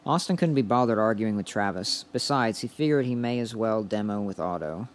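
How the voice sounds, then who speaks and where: A man's voice: on the low side, a little fast. A man co-hosting a podcast, talking loosely with lots of fillers and swearing, reading out a sponsor plug and a story. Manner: loose, filler-heavy and profane. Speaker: podcast co-host.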